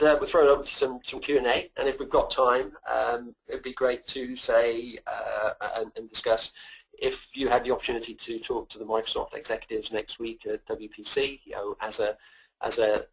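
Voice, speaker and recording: A man with an English West Country accent gives an informal webinar presentation over a call, speaking haltingly and repeating words. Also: medium pitch, husky, poor audio. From west of England. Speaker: software company presenter. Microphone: phoning in to a webinar.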